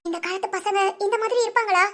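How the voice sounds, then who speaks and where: Teasing young female friend, high-pitched and chatty. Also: quick pace. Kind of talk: storybook voice acting.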